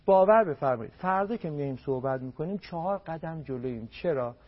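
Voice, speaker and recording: Man, family counselor, husky voice, emphatic, repeats words, dull radio sound. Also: fairly high pitch, animated. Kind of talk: radio advice talk.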